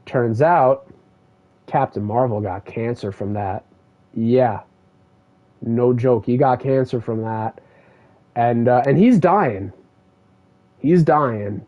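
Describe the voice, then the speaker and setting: A man streaming a game, chatting casually and rambling through a story with lots of fillers. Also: medium pitch. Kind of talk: casual chat while gaming. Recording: dull lo-fi stream mic.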